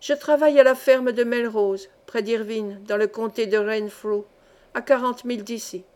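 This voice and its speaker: Jovial young ex-miner, chatty, cheerful, woman reader voicing him, fairly high voice, audiobook. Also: steady tone, moderate pace, darkish tone, close to an everyday voice. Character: cheerful man of twenty-five, singing ex-miner.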